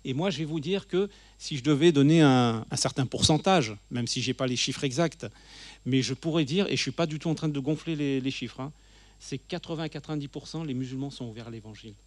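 Seated at a church hall table with a handheld microphone, a middle-aged man delivers a teaching talk as a guest speaker. He has a mid-range voice and talks fairly quickly, earnest and emphatic, repeating phrases to drive points home. The recording is dry.

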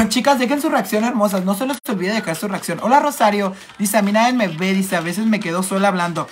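A flamboyant man with a Mexican accent hosts a casual makeup livestream and reads out his viewers' comments in a camp, chatty tone. He is fighting off a cold and keeps clearing his throat between playful, cheeky remarks. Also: high voice, a little fast. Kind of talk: casual live chat, reading comments aloud.

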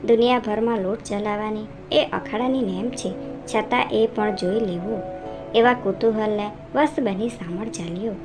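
A woman reading a classic folk tale aloud in a steady, measured storyteller manner. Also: medium pitch. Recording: narration over music.

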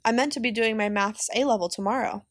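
A woman reading the lines of an anxious teenage boy who asks flat, literal, insistent questions. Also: fairly high pitch, fast talker, no room sound, natural voice.

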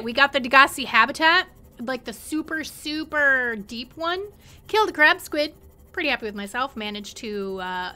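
Bright excitable woman narrating her game, high voice, talks to the sea creatures. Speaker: gameplay streamer. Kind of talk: let's play commentary.

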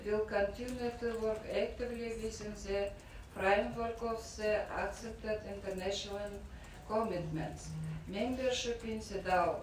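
A woman parliamentarian reading a prepared speech in a steady, formal way with small slips. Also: mid-range voice, moderate pace, hardly any pauses. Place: conference room at a long table. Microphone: table microphone, recorded from a camera across the room. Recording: echoey room from far off, with noise.

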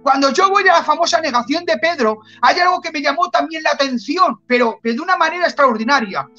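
High-voiced fervent Spanish preacher man. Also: lively intonation, quick pace, bright, forceful tone, dull audio, faint music behind. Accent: Spain Spanish. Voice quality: fervent, repetitive, storytelling. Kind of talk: testimony sermon.

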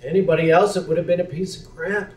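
On a small theater stage, a young man plays the skeptical, blunt best friend who has a sentimental side, moving from dry, sardonic lines into heartfelt storytelling. His voice is high-pitched, steady, fast and darkish, lightly acted, picked up by a distant room mic with roomy theater sound.

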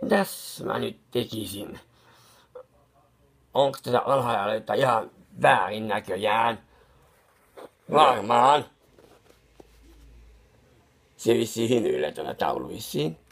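Brief: a muddled, fussy clown who paints and rambles, pitch swooping up and down, mutters and restarts, as a man acts him out. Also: lively intonation, vocal fry, pauses often, slightly rough, heavily acted. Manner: soothing, scolding someone who cries. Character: bumbling, befuddled male clown painter, fussy and kindly. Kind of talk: comic improvised monologue.

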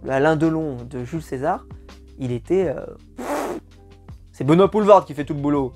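A man's voice: fairly high pitch, lively intonation, normal speed, a little mellow, soft background music. Exasperated man reviewing a film. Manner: exasperated, emphatic, repeats words for effect. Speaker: film critic. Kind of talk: casual spoken film review.

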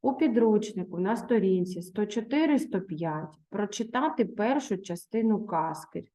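A woman teacher reading a children's story aloud, then patiently guiding pupils through questions and homework in a measured voice. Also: mid-range voice, expressive, mellow. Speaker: primary school teacher.

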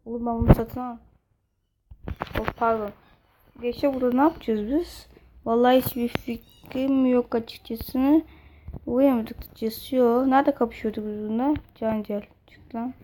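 A woman with a fairly high, mellow voice talks through a mobile fighting game in loose, casual commentary. She thinks aloud and swears easily, swinging into loud outbursts. Faint noise sits under the recording. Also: steady tone, a little slow, long pauses, rough recording. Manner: openly confused, thinks aloud. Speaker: mobile game let's-player.

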